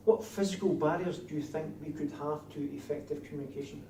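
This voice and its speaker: A little high and brisk, his voice holds a steady tone. He's a door supervisor trainer from Scotland with a broad accent, teaching a class and asking his trainees questions, captured on a distant mic in an echoing room with faint noise.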